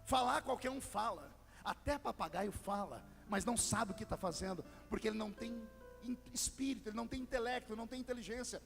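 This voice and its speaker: Brazilian preacher, very high gravelly voice, storytelling into loud crescendos, big reverberant hall, faint music behind. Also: male voice, fairly quick. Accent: Brazilian Portuguese. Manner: storytelling with sudden shouted crescendos. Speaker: pastor. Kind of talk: Pentecostal sermon. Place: large church hall.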